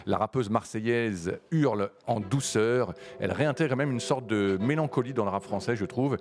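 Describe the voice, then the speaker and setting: A man's voice: medium pitch, a little fast, darkish tone. A man hosting a live radio session, asking guests questions and introducing music. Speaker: radio host.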